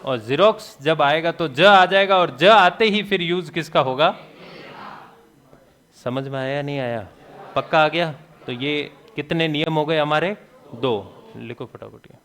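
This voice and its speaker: A male teacher lectures a class. He keeps throwing quick questions at the students and answers them himself, with jokes along the way. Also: a little high, fairly bright tone. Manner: jokey, laughs at his own remarks.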